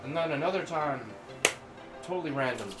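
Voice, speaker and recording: A man's voice: a little high, a little fast, echoey room, loud music behind the voice, rough recording. A man co-hosting a podcast, casually telling rambling, crude workplace stories. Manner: rambling crude anecdotes, acts out quoted voices. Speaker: podcast co-host. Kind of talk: casual storytelling chat.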